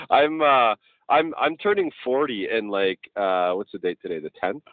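A man's voice: lowish voice, unhurried, no room sound. A man about forty hosting a podcast, chummy and hesitant with many restarts. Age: 30s. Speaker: podcast host. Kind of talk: casual podcast chat. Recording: dry, tinny phone-like sound.

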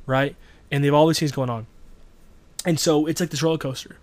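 Host type, male, slightly high voice, dry sound, profane and rambling. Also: fairly even intonation, a little fast, darkish tone, no room sound. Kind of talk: casual chat.

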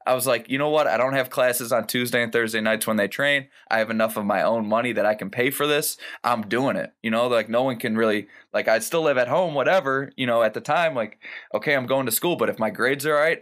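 A man's voice: mid-range voice, fairly bright tone. A man in his twenties from Ohio, a guest telling stories casually and rambling, full of "like" and "you know". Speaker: guest, professional wrestler. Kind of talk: casual storytelling.

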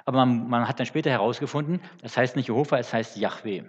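Husky male preacher, halting teaching sermon, booming church reverb, muffled lo-fi sound. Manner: unscripted, halting with fillers and restarts. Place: church hall.

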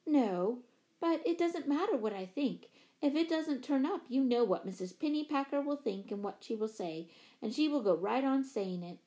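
A kind, sensible mother from a storybook, gentle yet firm with her children, voiced by a woman reader whose voice sits fairly high. She speaks with calm, careful warmth. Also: normal speed.

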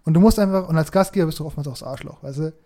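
A young man in casual podcast chat, animated and slangy, sometimes turning to speak to the listeners. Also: fairly high pitch, racing. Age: young adult.

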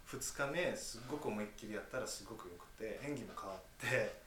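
A man's voice: on the low side, brisk, over a noisy crowd. A man, an actor and interview guest, talking informally and thinking aloud with many fillers. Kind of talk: casual chat. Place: room in Paris. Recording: echoey room, faint hiss.

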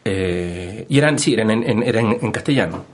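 A man's voice: lowish voice, expressive, moderate pace. A man with a Chilean accent, a historian guest on a radio interview, explaining at length with many fillers and tag questions. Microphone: studio microphone.

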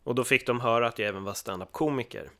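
A man from Sweden, a podcast guest in casual chat, telling lively stories and acting out the voices of people in them. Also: medium pitch. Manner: lively storyteller who acts out voices.

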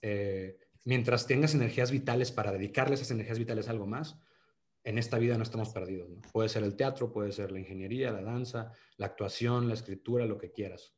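Talking quickly in a lowish voice, a man in his thirties from Monterrey, Mexico, appears as a guest on a podcast for a casual interview chat. His northern Mexican accent comes through, and he restarts and uses fillers a lot, shifting from sincere to joking.

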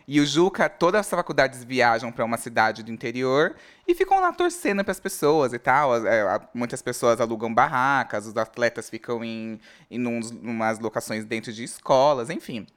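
A man telling a lively, slangy personal story in a casual chat. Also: mid-range voice, normal speed, few pauses.

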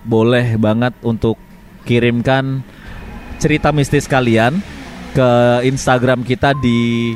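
A man's voice: mid-range voice, fairly even intonation, slow, pauses often, soft background music. A man from Indonesia co-hosting a podcast in casual chat, repeating phrases for emphasis. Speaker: podcast co-host.

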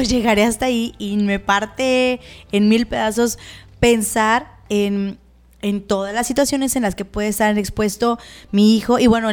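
Give me a chatty Mexican woman co-hosting a podcast, with a fairly high voice. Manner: chatty, quick interjections. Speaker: podcast co-host, mother. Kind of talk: casual podcast chat.

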